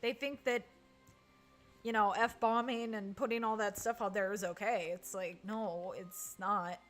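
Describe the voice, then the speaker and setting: A woman's voice: mid-range voice, steady tone, measured pace, a bit bright, faint music behind. A woman chatting casually on a live stream while playing, reading and answering chat and groaning at misses. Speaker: game streamer.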